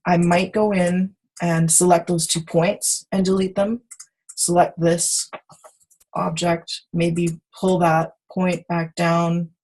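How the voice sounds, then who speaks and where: Woman, software instructor, video call, lowish voice, husky, chatty, self-correcting. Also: level tone, slow, poor audio. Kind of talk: screen-share tutorial.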